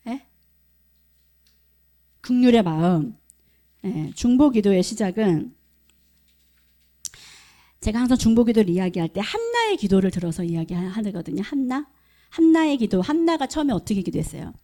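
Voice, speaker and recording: Middle-aged woman pastor, emphatic sermon voice, warm and mellow. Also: mid-range voice, very animated, moderate pace, pauses often. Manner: emphatic preaching, asks the congregation questions. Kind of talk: sermon at a prayer meeting. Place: church hall.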